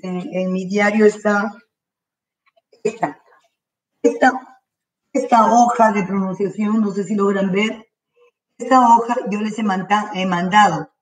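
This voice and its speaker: A woman teacher giving slow, careful, repeated instructions to parents while straining her throat. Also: mid-range voice, steady tone, distant mic, poor audio. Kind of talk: online class instructions to parents. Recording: voice from away from the mic.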